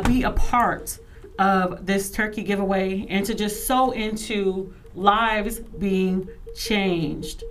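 An energetic woman hosts a casual talk show from her studio. She talks with emphasis and drive, and she sounds a little forceful even when she is thanking people. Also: mid-range voice, slight background noise. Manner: emphatic and animated, says she sounds aggressive. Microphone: studio microphone.

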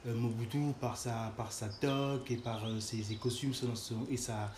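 A man's voice: medium pitch, fairly even intonation, moderate pace, background noise. A man hosting a casual interview, asking questions and murmuring agreement with many fillers. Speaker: podcast host. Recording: echoey room with faint music.

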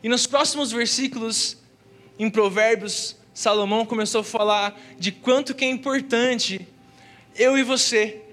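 High-voiced young Brazilian preacher. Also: male voice, steady tone, a little slow, a bit bright. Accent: Brazilian Portuguese. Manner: slangy and earnest, peppered with "cara" and "velho". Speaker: youth preacher. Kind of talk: casual testimony sermon. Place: church.

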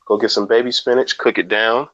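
Podcast co-host, male, low voice, deadpan joker, muffled lo-fi sound. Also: a little fast. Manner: joking, deadpan asides. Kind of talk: casual chat.

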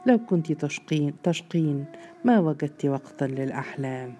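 A man voicing a weary young male laborer who is bitter and mocking, read in a storybook with mellow tone. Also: fairly high pitch, expressive, moderate pace, soft background music, close to an everyday voice. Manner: brooding, mocking.

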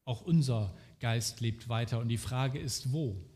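A man's voice: medium pitch, unhurried, darkish tone, big-room sound. A man preaching a sermon in an earnest way, speaking directly to the listener.

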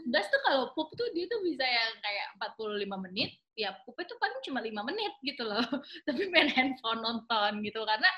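A woman from Indonesia chatting casually as a podcast guest, animated and quick to laugh, dropping in English words. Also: on the high side, dull audio. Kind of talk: casual chat.

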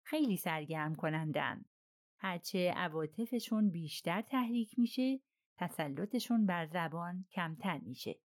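A woman voicing a shrewd, self-assured older male detective, soft and persuasive, in an audiobook. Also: on the low side, lively intonation. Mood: explaining.

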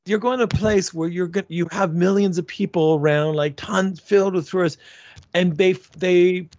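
A man's voice: high voice, fairly even intonation, moderate pace, darkish tone, no echo, lo-fi sound. A man in casual podcast chat, rambling with frequent restarts and fillers. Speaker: podcast co-host.

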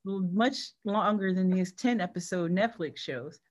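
A woman's voice: lowish voice, unhurried, dull audio. A woman co-hosting a podcast, chatting casually and laughing often. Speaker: podcast co-host. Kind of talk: casual chat.

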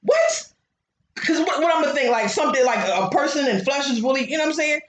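Loud ranting high-voiced woman host. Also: big pitch swings, quick pace. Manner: loud, preachy ranting with frequent shouting. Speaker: podcast host. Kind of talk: casual podcast chat. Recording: roomy echo with crowd noise.

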